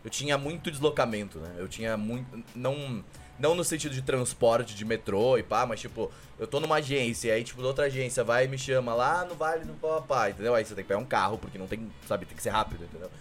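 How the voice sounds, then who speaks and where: A man's voice: medium pitch, fast talker, faint music behind. A man in casual podcast chat, laid-back and full of slang.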